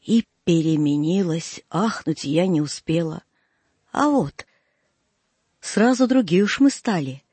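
Husky high-voiced male audiobook reader. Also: expressive, slow pace, a little mellow, dry recording. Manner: folksy, plaintive storytelling. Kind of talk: first-person folk tale narration.

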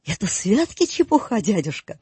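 A man reading an audiobook voices a cheerful, earnest young man who talks warmly and pleads kindly. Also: sits high, very animated, normal speed, husky, no room sound, exaggerated voice. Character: cheerful young man, warm-hearted nephew.

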